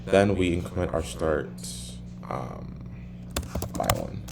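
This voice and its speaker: Far-from-mic man, very low creaky voice. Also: sing-song. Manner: halting, muttering to himself, wandering off on tangents. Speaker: programmer recording himself working. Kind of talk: casual think-aloud coding vlog. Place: echoey apartment room. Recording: far-off echoey room, clearly noisy.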